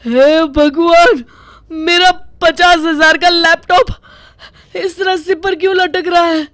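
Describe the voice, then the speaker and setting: A woman's voice: extremely high pitch, little pitch movement, measured pace, pushed and bright, no room sound, clean studio sound, pitched above the performer's own voice, full character voice. A woman voicing an irritable young husband who keeps losing his temper in a cartoon story. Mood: exasperated. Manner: exasperated outbursts. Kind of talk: cartoon voice acting.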